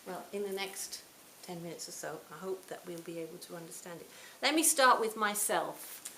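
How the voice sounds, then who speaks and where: A woman's voice: fairly low pitch, normal speed. Reflective woman in her sixties in a roomy hall. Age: 60s. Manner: reflective, warm storytelling with soft trailing phrase ends. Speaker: Buddhist teacher. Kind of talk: dharma talk to a retreat audience. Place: retreat hall. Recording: roomy hall, faint hiss.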